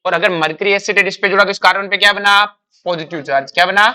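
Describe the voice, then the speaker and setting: A man's voice: high voice, steady tone, fast, sharp tone, clear, resonant tone. A man teaching a chemistry class, quizzing his students with repeated questions and calling them beta. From India. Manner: acts out a crying carbocation and a comforting mercury.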